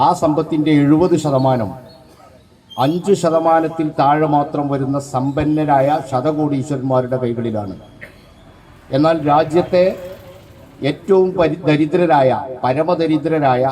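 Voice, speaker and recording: Guy giving a speech at a rally, mellow voice, slightly high, slow and emphatic. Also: rough recording. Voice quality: measured, emphatic oratory. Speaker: political speaker at a rally.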